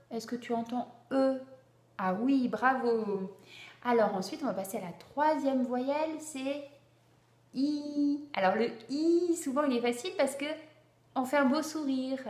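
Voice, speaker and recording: A woman's voice: a little high, darkish tone, echoey room. A woman teaching parents how to introduce vowels to a child, explaining patiently and drawing out each vowel sound to model it.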